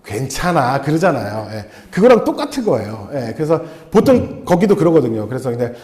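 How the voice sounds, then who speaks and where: A man preaching a sermon as a missionary, telling a personal story in an animated way and acting out the dialogue. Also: on the high side, a little fast, echoey room. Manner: animated, acts out dialogue in changing voices. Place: church sanctuary.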